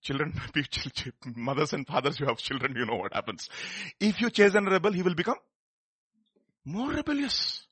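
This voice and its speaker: Animated Indian preacher with a bright, husky voice. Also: male voice, a little high, moderate pace, no room sound. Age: middle-aged. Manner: conversational, questioning, repeats phrases for emphasis. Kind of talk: animated sermon.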